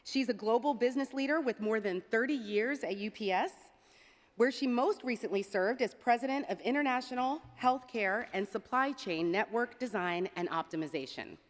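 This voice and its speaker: A higher-pitched female voice rings through a large, reverberant hall. She speaks as a ceremony host at a podium, with formal, scripted announcer delivery. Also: moderate pace. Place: large event hall on stage.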